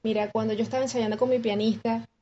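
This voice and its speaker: A Venezuelan woman with a Venezuelan accent, a guest musician recounting her story in an interview with lively acted-out dialogue and frequent restarts. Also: fairly high pitch, fast talker, slightly rough, lo-fi sound. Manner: expressive, acts out quoted dialogue with many restarts.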